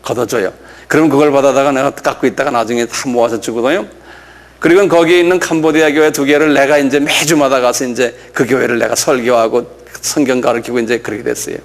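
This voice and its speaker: An older man, a pastor, telling a story in a casual, conversational way during a lecture sermon, often pausing to say "yes". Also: mid-range voice, fairly even intonation. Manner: conversational, folksy storytelling with frequent "예" affirmations.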